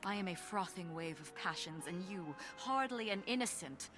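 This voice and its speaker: A woman's voice: on the low side, expressive, normal speed, fairly bright tone. A woman playing a haughty, fierce warrior goddess in a video game, declaiming grandly in archaic speech. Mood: grandiose, amused. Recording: music behind the voice.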